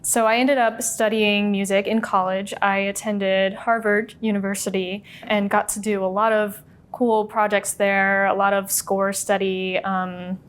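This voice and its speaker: Young adult woman, assistant librarian; relaxed, chatty, filler-heavy interview talk. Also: mid-range voice, unhurried, clean tone. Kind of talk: casual interview answers.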